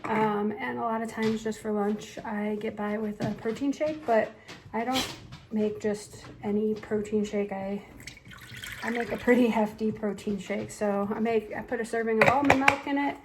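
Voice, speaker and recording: A woman's voice: on the high side, fairly even intonation, moderate pace, noisy background. A woman chatting casually in a vlog, upbeat and full of fillers, a bit congested from allergies. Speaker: vlogger, triathlete. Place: outdoors on a run, then a kitchen.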